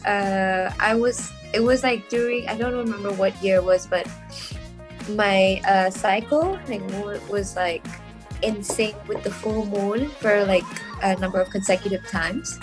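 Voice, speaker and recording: Woman musician from Thailand, mid-pitched, relaxed and giggly storyteller, music behind. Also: unhurried. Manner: relaxed storytelling, many fillers, giggles often. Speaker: drummer and producer. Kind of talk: casual interview chat.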